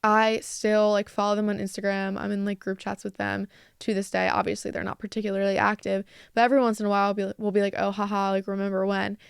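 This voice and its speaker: Chatty young woman with a gravelly edge. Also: mid-range voice, flat delivery, fast, no room sound, clean studio sound. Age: young adult. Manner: chatty, lots of "like" fillers, quotes people in dialogue. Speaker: podcast host. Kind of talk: casual storytelling.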